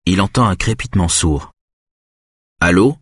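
Deep, husky male audiobook narrator. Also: no echo, clean studio sound. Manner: measured, steady present-tense reading. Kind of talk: scripted thriller narration.

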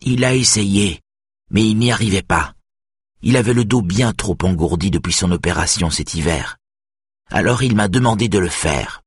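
A man's voice: lowish voice, moderate pace, husky, dry recording, studio quality, voice pushed up. A man voicing a surly old housekeeper woman who answers in short, clipped replies. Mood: sullen.

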